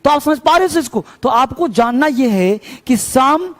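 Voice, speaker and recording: High-voiced male English teacher, echoey room. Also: expressive, unhurried, fairly bright tone. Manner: addresses viewers as children, repeats phrases in two languages. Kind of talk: classroom lesson. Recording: hall reverb.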